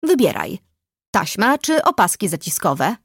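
A woman reading the part of a calm, curt adult male vampire in a dry, matter-of-fact way. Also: mid-range voice, measured pace, husky, no echo, full character voice.

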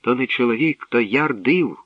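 A man's voice: medium pitch, lively intonation, normal speed, no echo, natural voice. A man reading aloud, voicing an eager, breathless young girl who is a princess, in a storybook tale. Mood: rapt. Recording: tinny lo-fi radio recording, distant.

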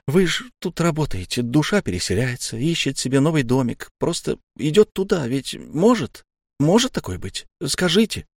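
A man's voice: medium pitch, normal speed, darkish tone, no room sound, clean studio sound, lightly acted. A man voicing an anxious male psychiatric patient who mumbles and swallows syllables, in a storybook reading. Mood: pleading.

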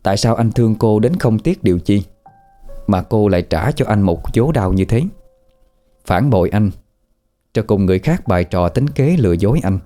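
A man narrating a ghost story in a steady, sorrowful manner. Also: on the low side, normal speed, soft background music.

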